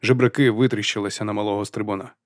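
A man narrating an audiobook in an even storytelling voice. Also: on the low side, racing, no echo, studio quality. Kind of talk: scripted narration.

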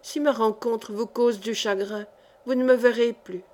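A woman reading the part of a gentle, shy young man in love, speaking softly and tenderly in an audiobook. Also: a little high, steady tone, a little slow, close to an everyday voice. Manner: soft, tender.

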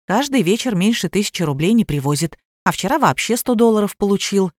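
A woman reading a calm patient young daughter. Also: mid-range voice, a little fast, no echo, studio quality, natural voice. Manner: even, conciliatory.

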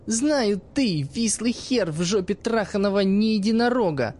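A man's voice: high voice, animated, unhurried, darkish tone, slight background noise, pitched above the performer's own voice. A man doing a brash foul-mouthed young woman. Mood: angry. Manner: cocky, mocking, swears freely.

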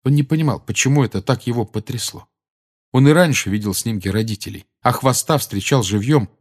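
A man reading a fantasy novel aloud, dramatic and expressive. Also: mid-range voice, fairly quick. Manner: dramatic, rising and dropping with the tension. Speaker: audiobook narrator. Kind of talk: expressive audiobook narration.

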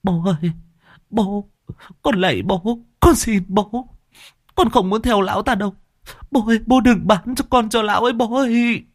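A man voicing a young woman who begs through tears in a high voice. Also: normal speed, no room sound, studio quality. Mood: tearful pleading. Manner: high, tearful pleading.

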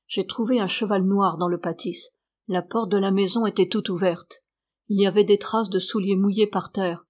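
A woman's voice: medium pitch, darkish tone. A woman narrating a classic novel as an audiobook, lifting her voice for the villagers' lines.

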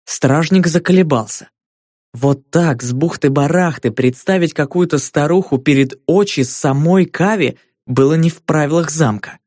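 A man narrates a fantasy novel in an expressive, lively audiobook style. His voice sits a little high for a man and is recorded close on the mic. The room sound is dry. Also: moderate pace, dry recording.

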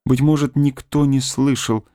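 A man's voice: mid-range voice, level tone, measured pace, dark tone, no echo, clean studio sound, pitched above the performer's own voice, close to an everyday voice. A man reading the part of a grieving young woman who mourns her dead fiancé, pleading and tearful. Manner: pleading, tearful, rising to cries. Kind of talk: audiobook character reading.

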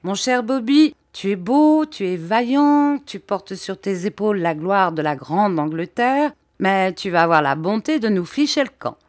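A headstrong man speaks bluntly and familiarly, his voice jumping up in pitch and loudness, as a woman puts him on. The recording is dry and close, and he is an audiobook character. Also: animated, moderate pace, hardly any pauses, dry recording, natural voice. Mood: stubborn. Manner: blunt, colloquial, emphatic. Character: bold, stubborn man, slangy and familiar.

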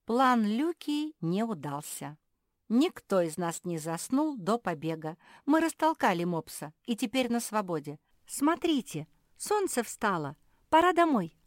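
A woman voicing a quick-witted, confident young female character in a storybook reading. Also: medium pitch, very animated, dry recording, studio quality, voice pushed up.

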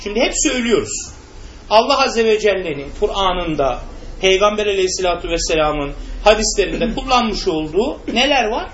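Man teaching a religious class, high and animated, keeps putting questions to the room and answering them, on a dull, slightly noisy recording. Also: brisk. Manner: asks rhetorical questions and answers them himself. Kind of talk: classroom lesson with questions to students. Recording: muffled recording with faint background noise.

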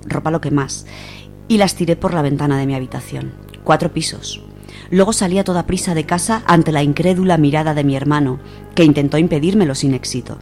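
On a literary radio segment, a woman with an accent from Spain presents and reads a first-person short story. Her voice sits low and sounds a little mellow.

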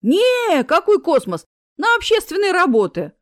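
A woman voicing a calm, stern male angel. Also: very high voice, a little slow, no room sound, studio quality, pitched above the performer's own voice, heavily acted. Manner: calm, matter-of-fact.

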